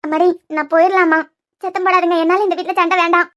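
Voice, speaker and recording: Woman doing a timid old grandma in a cartoon, Kanyakumari Tamil, soft pleading, voice still very high and bright. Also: level tone, quick pace, a little hiss or hum. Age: older. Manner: soft, pleading and self-blaming. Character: elderly grandmother, meek and apologetic. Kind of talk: cartoon serial voice acting.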